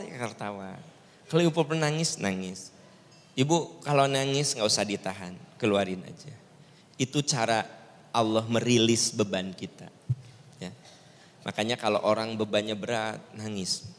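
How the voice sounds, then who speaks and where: A man preaching a sermon with a Sundanese accent, lively, sometimes jumping into high mimicking voices. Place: large mosque hall. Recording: long reverb of mosque hall.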